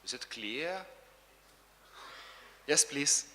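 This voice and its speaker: Slow-talking moderator in a noisy hall. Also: male voice, medium pitch, expressive, sharp tone. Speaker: session moderator. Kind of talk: moderating questions. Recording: reverberant hall with faint noise.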